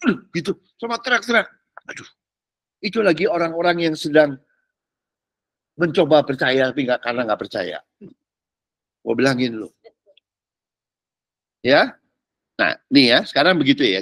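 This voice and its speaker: A man preaches in a high, swooping voice, teasing his listeners in casual street slang. The sound is close and dry, with no room around it. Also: no room sound. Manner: animated, teasing, slangy Jakarta street talk. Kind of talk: sermon.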